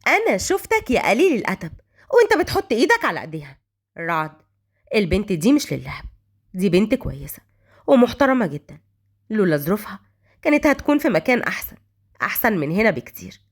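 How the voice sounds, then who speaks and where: A woman's voice: medium pitch, very animated, fast talker, long pauses, slightly rough. A woman voicing an older mother with an Egyptian accent, who scolds and pleads with her son. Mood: pleading. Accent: Egyptian Arabic.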